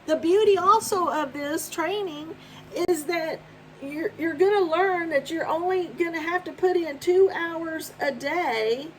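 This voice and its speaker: A woman's voice: extremely high pitch, measured pace, a little hiss or hum. A woman, talking casually and encouragingly to camera in a home video. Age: 50s. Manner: upbeat, encouraging, repetitive. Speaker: vlogger. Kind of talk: casual promotional talk to camera.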